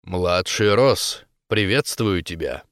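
A man voicing a cold, scheming male artificial intelligence that speaks in a slow, measured, menacing way. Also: low-pitched, expressive, a bit bright, no room sound, studio quality, pitched below the performer's own voice, exaggerated voice. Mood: cold, taunting.

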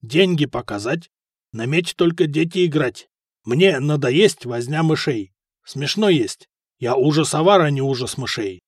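A man voicing a loud, crude male Norse mercenary who speaks in slow, broken grammar. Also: on the high side, animated, breathy edge, dry recording, studio quality. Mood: booming.

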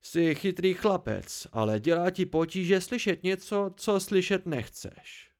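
A man's voice: sits high, a little mellow, pitched above the performer's own voice. A man reading an audiobook, voicing an irritable, blunt male student friend who scolds. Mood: irritated.

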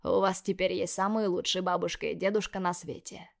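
A woman's voice: fairly low pitch, little pitch movement, a little fast, gravelly. A woman voicing a worried, caring young father in an audiobook, speaking firmly and directly.

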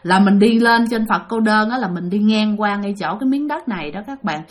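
A woman with a Southern Vietnamese accent telling a ghost story in a lively, dramatic way, speaking straight to her listeners. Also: medium pitch, brisk, faint music behind.

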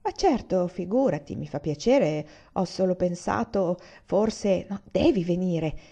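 An awkward, anxious young Englishman, read by a woman in a spoken short story, his words coming out flustered and pleading. The tone stays mellow and soft-edged. The recording sounds dull and muffled. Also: on the low side, animated, a little slow, creaky, full character voice.

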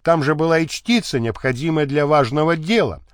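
A man narrating a historical novel as an audiobook, measured and expressive. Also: fairly high pitch, no echo, clean studio sound.

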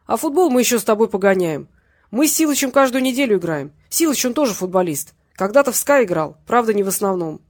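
A woman reading an audiobook and voicing a huge, jovial heavyweight boxer with a booming voice and hearty laugh. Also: expressive, fast talker. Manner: loud, brash, back-slapping.

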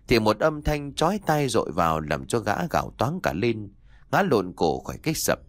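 A man's voice: fairly low pitch, no room sound. Man telling a ghost story dramatically. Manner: expressive, dramatic reading.

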